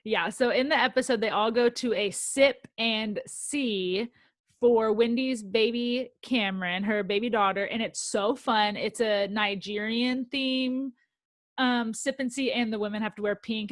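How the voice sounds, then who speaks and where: A woman's voice: a little high, dry recording. Chatty young woman podcast host. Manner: chatty, excitable, says "like" and "um" often. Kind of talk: casual chat about reality TV.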